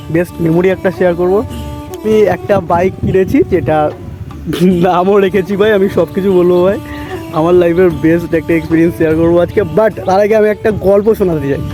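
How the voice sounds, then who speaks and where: Young man, high voice, casual vlog, chatty, self-filmed on handheld camera, faint music behind. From West Bengal, India. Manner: chatty, keeps saying "bhai" and "thik ache". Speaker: vlogger.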